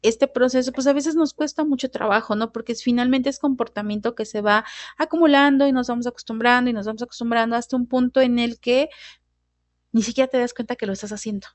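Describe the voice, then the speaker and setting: A woman's voice: a little high, steady tone, fast, no echo. A woman teaching a lesson on emotions, chatting casually and often checking in with "¿no?" and "¿vale?". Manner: conversational, tag questions like "¿no?" and "¿vale?". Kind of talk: lecture on emotions.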